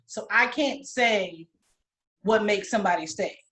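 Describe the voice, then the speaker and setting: A woman's voice: mid-range voice, measured pace, fairly bright tone. A young adult woman co-hosting a podcast, talking bluntly and emphatically with frequent swearing in casual chat. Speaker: podcast co-host.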